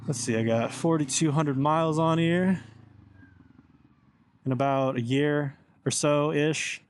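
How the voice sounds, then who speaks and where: A man's voice: on the high side, takes it slowly. A young man chatting casually and informally inside a helmet while riding a motorcycle, meandering from thought to thought and swearing mildly. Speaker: motorcycle vlogger. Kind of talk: casual rambling motovlog chat. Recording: steady engine and road noise.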